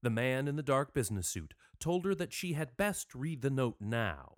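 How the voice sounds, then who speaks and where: A man's voice: mid-range voice, very animated, moderate pace, dry recording, clean studio sound. A man hosting a podcast, narrating history from a script in a dramatic, irreverent way. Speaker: podcast host. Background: music.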